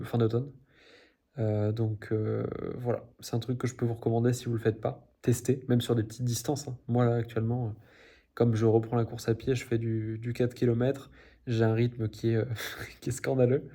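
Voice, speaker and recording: Warm and medium-pitched, this young man talks casually to the camera in a daily vlog. His chatter meanders, packed with fillers and restarts, and he laughs whenever he trips over his words.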